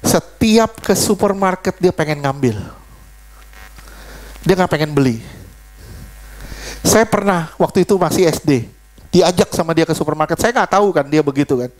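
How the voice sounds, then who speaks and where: A middle-aged man preaching an informal deliverance sermon. He tells stories and keeps firing questions at his congregation. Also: high voice. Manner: animated, fires rhetorical questions at the congregation; switches between preaching and storytelling.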